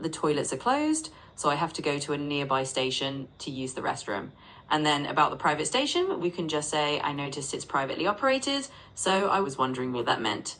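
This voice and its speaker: A low-pitched female AI voice tutors English in a patient, reassuring way. Her intonation swings widely and expressively. She restates corrections calmly and clearly. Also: a little hiss or hum, low-quality recording. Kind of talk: conversational language tutoring.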